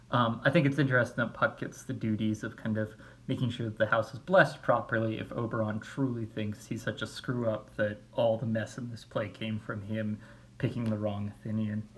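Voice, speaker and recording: A man's voice: lowish voice, fairly bright tone. A male teacher giving a recorded video lecture in a casual way, thinking aloud with frequent fillers.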